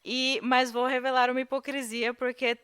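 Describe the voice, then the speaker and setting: A woman's voice: high-pitched, little pitch movement, moderate pace, fairly bright tone, clean tone. A Brazilian woman, a podcast guest, casually discussing a film with hesitant fillers and restarts. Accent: Brazilian Portuguese.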